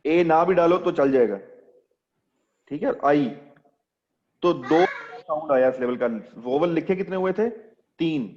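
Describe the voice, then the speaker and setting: A male teacher with a somewhat high voice leads an online class. He explains each point step by step and keeps quizzing his students. The audio is dull and lo-fi. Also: unhurried, pauses often, a little mellow. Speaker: English teacher.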